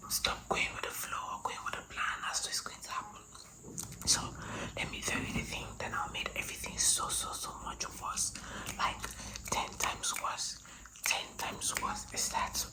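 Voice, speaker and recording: A woman whispering gossipy ASMR stories in an informal, animated way, breathy and almost without voice, often repeating words and phrases. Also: rough recording. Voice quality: breathy, mostly unvoiced whisper. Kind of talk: whispered ASMR storytelling, gossipy retelling of a show.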